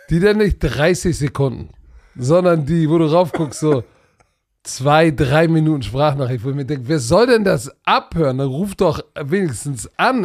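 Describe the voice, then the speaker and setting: A man's voice: medium pitch, a little mellow. A man hosting a podcast in a casual, chatty style. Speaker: podcast host.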